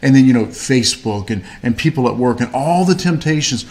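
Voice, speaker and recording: Man, mid-pitched, casual rambling co-host voice. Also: lively intonation, fairly quick, darkish tone. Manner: rambling, many fillers and restarts. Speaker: podcast co-host. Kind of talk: casual faith-based chat.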